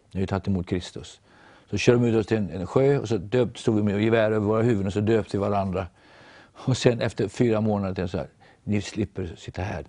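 Norwegian guy telling his faith story, low dark voice, acts out the quotes. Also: no echo. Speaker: guest storyteller.

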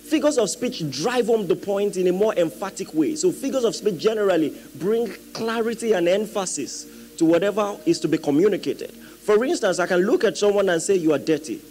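A man preaching a sermon, emphatic, asking the congregation questions and building to loud shouted peaks. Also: high voice, lively intonation, brisk, soft background music. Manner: asks the audience questions, humorous asides.

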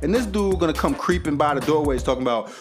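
A man telling a stand-up story on stage in slangy, animated speech. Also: fairly high pitch, fast, music in the background. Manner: slangy, animated, acts out the characters. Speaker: stand-up comedian.

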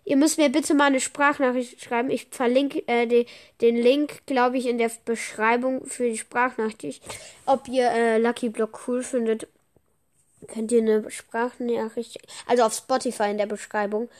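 A woman chatting casually while playing a game for her podcast, excitable and chatty, with frequent slang exclamations. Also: on the high side, moderate pace. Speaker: gaming podcaster. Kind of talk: casual gameplay commentary.

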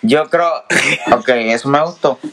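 A teenage man, co-hosting a podcast and complaining in an animated, exasperated way. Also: mid-range voice, measured pace. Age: teens. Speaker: podcast co-host. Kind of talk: casual chat.

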